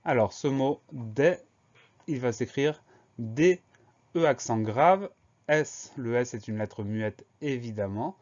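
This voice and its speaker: Man slowly spelling words for dictation. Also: mid-range voice, animated, a little mellow, highs cut off. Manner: slow, deliberate letter-by-letter spelling. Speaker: teacher.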